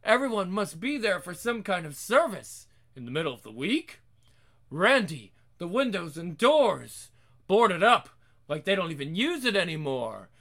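A man's voice: high-pitched, big pitch swings, a little slow, bright, forceful tone, full character voice. A man playing a nervy, indignant city filmmaker in a horror story, dramatic and exclamatory. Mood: uneasy.

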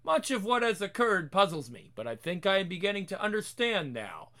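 Man voicing a misunderstood robot, formal storybook narration, earnest, bright tone, widely swinging pitch. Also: very animated, a little fast, heavily acted. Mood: earnest, wounded. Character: earnest, misunderstood male robot telling his sad story. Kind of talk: first-person scripted narration.

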